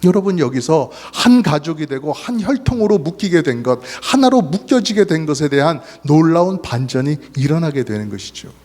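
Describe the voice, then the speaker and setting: A man's voice: a little high, lively intonation, normal speed, few pauses, a little mellow. A man preaching a sermon as a pastor, earnest, with swells of emphasis. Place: church sanctuary. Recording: long hall reverb.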